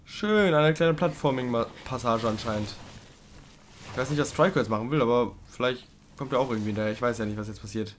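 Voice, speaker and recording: A man doing casual let's play commentary, chatting with the game creature, pleading loudly at times and muttering low at others. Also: brisk, slight background noise. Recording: game music playing underneath. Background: game music.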